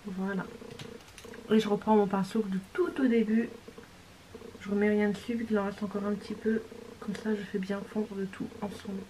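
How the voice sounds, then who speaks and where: A woman's voice: mid-range voice, little pitch movement, moderate pace, dark tone, slight background noise, low-quality recording. A woman beauty vlogger talking through a makeup tutorial in a casual, chatty way, correcting herself as she goes and sometimes dropping to a near-whisper. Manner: chatty, self-correcting, describing each step.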